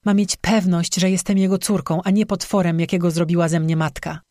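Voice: medium pitch, level tone, a little fast, darkish tone, no echo, close to an everyday voice. An audiobook narrator voicing a young cursed strzyga woman who confesses bitterly through tears, recorded dry and close. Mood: tearful. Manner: bitter, tearful confession with sobbing.

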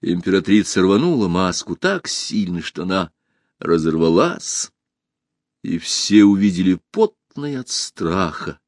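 Expressive male storyteller, lowish voice. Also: no room sound, studio quality. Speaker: narrator. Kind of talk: audiobook narration of a fairy tale.

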